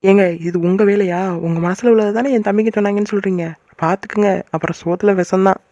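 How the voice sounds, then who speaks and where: A woman voicing a quick-tempered cartoon wife. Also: medium pitch, steady tone, dry recording, muffled recording, lightly acted. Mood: huffy. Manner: huffy, sharp-tongued. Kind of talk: cartoon voice acting.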